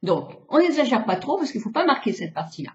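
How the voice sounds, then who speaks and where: Her voice is high, very animated and a little fast: a sixty-something French beautician running a casual, demonstrative face-exercise tutorial, elongating vowels as she talks. The recording is a roomy, slightly dull home video.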